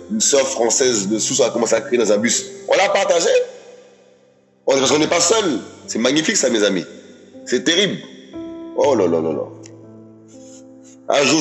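A man preaching a sermon, emphatic, repeating his phrases and often calling out to his listeners as friends. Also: mid-range voice. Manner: addresses audience as "mes amis".

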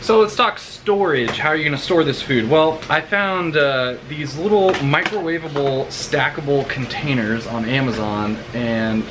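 A man's voice: on the high side, measured pace, hardly any pauses. A young man in his twenties who works for a church, casually vlogging, chatty and rambling with lots of fillers. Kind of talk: casual vlog. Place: car, then home kitchen. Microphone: camera on dashboard, then camera on kitchen counter. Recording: distant camera mic with loud road noise.

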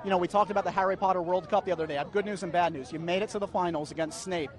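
American man, live entertainment reporter, rapid delivery, handheld mic amid loud outdoor crowd. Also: high voice, steady tone. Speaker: red carpet reporter. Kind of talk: live celebrity interview. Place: outdoor red carpet at a premiere. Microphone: handheld reporter microphone. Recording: busy outdoor crowd noise.

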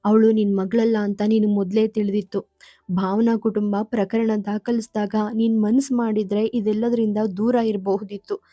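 A woman's voice: medium pitch, level tone, normal speed, warm tone, dry recording, lightly acted. A woman narrator voicing an aging mother who pleads and reproaches through sobs. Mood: tearful. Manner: sobbing, reproachful.

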